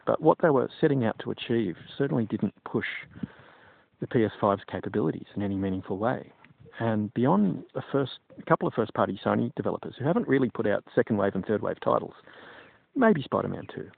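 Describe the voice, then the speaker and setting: A man's voice: fairly low pitch, very animated, brisk, creaky, breathy edge, dry recording. A middle-aged man and PC technician giving his opinions on gaming in a digressive, casual monologue. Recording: tinny phone-like sound, dry.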